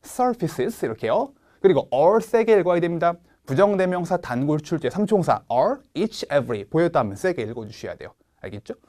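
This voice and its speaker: Lively high-voiced male tutor. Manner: quizzes viewers with quick rhetorical questions; reads English example sentences slowly, stressing words. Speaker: TOEIC speaking instructor. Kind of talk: online exam-prep lecture.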